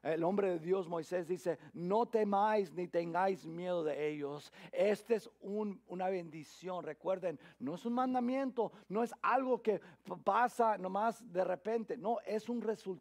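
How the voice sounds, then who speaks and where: A man with a high voice delivers a sermon as a middle-aged pastor. He drops from forceful emphasis to hushed, almost whispered lines, and often restarts and repeats his words. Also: unhurried, few pauses. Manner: dramatic swings from loud emphasis to hushed near-whisper.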